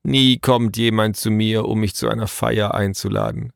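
A man voicing a sardonic middle-aged tracker and father in a storybook reading, dry and unhurried. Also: on the low side, lively intonation, vocal fry, dry recording.

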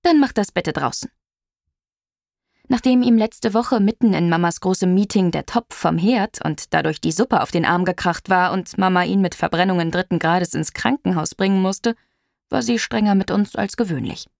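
Gravelly-voiced woman reading a story. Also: on the low side, normal speed, darkish tone, no echo, clean studio sound. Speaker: audiobook reader. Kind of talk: scripted audiobook narration.

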